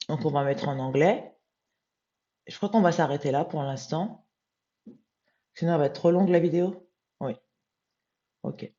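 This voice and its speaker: A tired woman, a medium thinking aloud as she transcribes a text live, muttering to herself and reading passages slowly. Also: low voice, dark tone, highs cut off.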